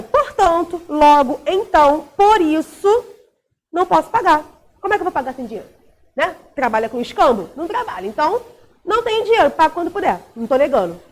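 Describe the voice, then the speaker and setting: Using a high voice, a female teacher with a Brazilian Portuguese accent walks through a recorded grammar lesson and often checks understanding with brief tag questions.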